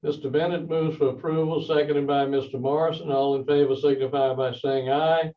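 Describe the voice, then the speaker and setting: A man chairing a public meeting, reading agenda items and calling votes formally in a brisk, businesslike manner. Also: fairly high pitch, little pitch movement. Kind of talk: formal meeting procedure, roll-call vote and agenda reading. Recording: muffled audio, distant from the microphone.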